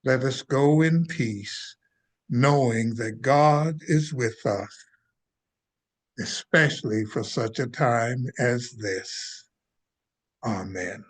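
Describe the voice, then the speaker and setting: Calm, gentle man praying very slowly. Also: medium pitch. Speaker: minister giving a benediction. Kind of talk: prayer, benediction.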